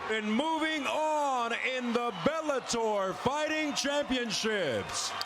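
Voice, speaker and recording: Male ring announcer, lucha libre manner, high pitch, projected bilingual delivery, noisy live venue. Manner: formal, projected, drawn-out announcing. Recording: noisy live event arena recording.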